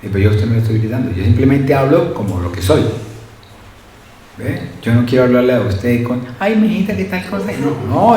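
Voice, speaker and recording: A man's voice: mid-range voice, darkish tone. A man preaching a sermon, talking to the congregation and often asking them questions. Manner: conversational, asks the congregation frequent questions. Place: church hall. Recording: very echoey church hall, faint noise.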